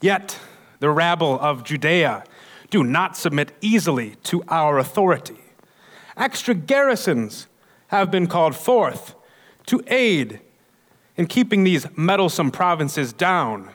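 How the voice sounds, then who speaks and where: A man's voice: on the high side, fairly bright tone. A man playing a stern Roman herald who reads out an imperial edict in a formal, declamatory church nativity play.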